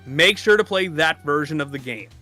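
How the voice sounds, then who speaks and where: A man's voice: a little high, expressive, normal speed, pushed and bright, soft background music. A man chatting as a streamer guest in a casual interview, rambling with lots of fillers, laughing and swearing.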